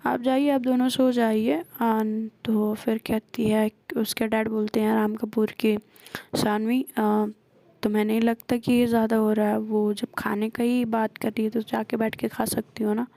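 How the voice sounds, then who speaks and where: Woman storyteller, gravelly dark voice, flat even delivery, dry close mic. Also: on the high side, measured pace, dry recording. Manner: retells scenes with quoted dialogue, frequent hesitations. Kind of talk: casual spoken story retelling.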